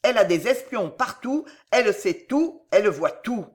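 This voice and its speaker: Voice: mid-range voice, expressive, moderate pace, pitched above the performer's own voice, natural voice. An audiobook reader voicing a tormented cardinal who issues grave, impassioned warnings. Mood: warning, urgent. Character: grave older man, a doomed tormented cardinal. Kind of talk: audiobook character voice.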